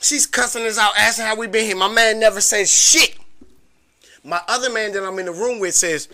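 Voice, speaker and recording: A man's voice: sits high, fairly even intonation, a little fast, sharp tone. A male guest telling a wild personal story in slangy, profane talk, often breaking into laughter. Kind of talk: animated storytelling.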